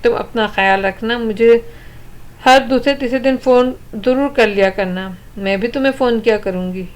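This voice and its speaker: Caring, worried mother , read by a woman narrator, gentle and reassuring, slightly high-pitched, storybook reading. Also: close to an everyday voice. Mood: tender. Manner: tender, anxious, soothing. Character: worried loving middle-aged mother.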